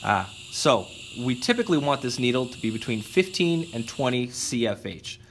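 A man's voice: medium pitch, sing-song, normal speed, a bit bright, a little hiss or hum. A man teaching welding in a workshop, explaining each step plainly while he demonstrates. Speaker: welding instructor. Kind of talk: instructional demonstration.

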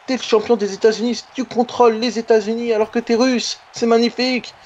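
A man giving excited, casual commentary on a wrestling video game. He cheers on the wrestlers and repeats his exclamations. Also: very high-pitched, fairly quick, dull audio, a little hiss or hum.

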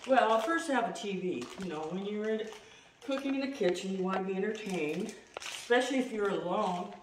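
A woman's voice: mid-range voice, fairly quick. Chatty woman cooking in an echoey kitchen. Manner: chatty, self-deprecating, laughs easily. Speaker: home cooking host. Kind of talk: casual cooking demo. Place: home kitchen, indoors. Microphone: far camera. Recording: roomy, distant, noisy.

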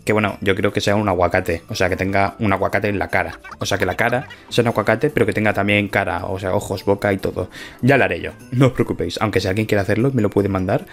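Speaking fast in a low, gravelly, steady voice, a Spain Spanish-accented man hosts a laid-back let's-play video. He keeps things chatty and playful, laughing frequently over soft background music.

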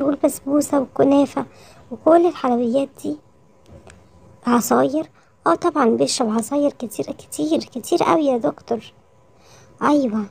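A woman voices a caring, fretful mother lioness with an Egyptian accent in a children's cartoon story, scolding and repeating words. Her voice sits high and is creaky and slightly mellow.

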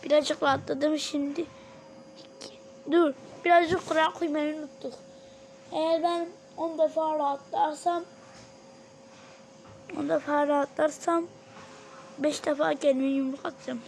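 A woman vlogging a reaction challenge, talking to viewers in an excitable way, with frequent exclamations and counting aloud. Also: high-pitched, unhurried, creaky, long pauses, slight background noise. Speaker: video creator.

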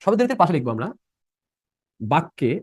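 A man's voice: on the high side, big pitch swings, very fast, breathy edge, dry recording, clean studio sound. A young man teaching a live online class. He repeats each rule and keeps quizzing his students with questions. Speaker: admission-prep teacher.

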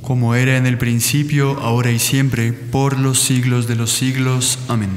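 A man with an Ecuadorian accent giving slow, even responses to a recited rosary in a chapel. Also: mid-range voice. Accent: Ecuadorian Spanish. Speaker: prayer respondent. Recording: roomy, echoey chapel, long reverb.

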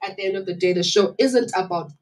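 A woman's voice: medium pitch, fast. Wheezy South African woman radio host. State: wheezy from asthma. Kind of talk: chatty live community radio hosting. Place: small radio studio. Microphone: studio microphone on a desk stand.

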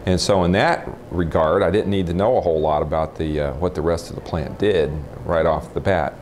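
Inside a house, a Texan nuclear physicist in his forties recounts his life for an informal oral history, his low voice a little mellow. His American-accented speech is matter-of-fact and halting. Faint background noise comes through the lapel mic.

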